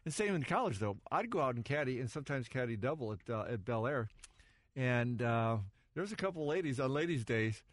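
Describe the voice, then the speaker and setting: A middle-aged man co-hosting a golf talk show, recalling anecdotes in a relaxed, rambling way. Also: medium pitch, a little fast, no echo. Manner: relaxed anecdotes with fillers and restarts. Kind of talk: casual radio show chat.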